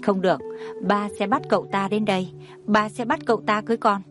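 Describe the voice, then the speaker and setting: A woman's voice: medium pitch, fairly even intonation, a little fast, music in the background, close to an everyday voice. A woman voicing a raging, violent middle-aged father in a storybook reading, threatening.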